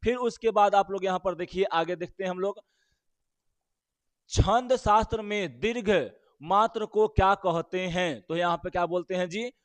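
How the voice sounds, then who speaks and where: A man's voice: high-pitched, normal speed, no room sound. A male teacher, walking through exam questions and quizzing his listeners with rhetorical questions.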